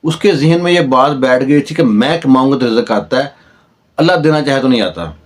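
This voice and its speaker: A man with a Pakistani Urdu accent telling a long village story in a conversational way, briefly voicing the people in it. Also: medium pitch. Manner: conversational, acts out dialogue in the telling. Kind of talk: oral storytelling.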